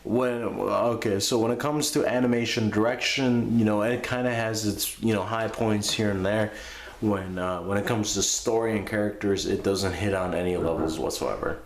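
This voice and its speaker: Drunk man, lowish voice, crude rambling film review, losing his thread, echoey room, faint background noise. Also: normal speed. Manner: crude, profane. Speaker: host of a movie review show. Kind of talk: casual unscripted film review rant.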